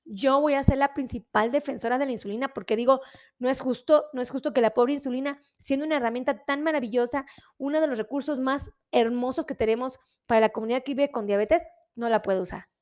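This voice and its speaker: A high-pitched woman, a doctor talking casually to viewers on a live stream. She is animated and pleading, and she says her requests over and over. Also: fast talker. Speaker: doctor giving health talks on a live stream.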